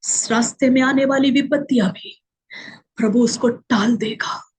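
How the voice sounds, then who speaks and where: High-voiced woman giving an emotional testimony. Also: steady tone, measured pace, a little hiss or hum, poor audio. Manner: emotional, acts out the quoted voices; Hindi mixed with English words. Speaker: testimony speaker. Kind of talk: personal testimony storytelling.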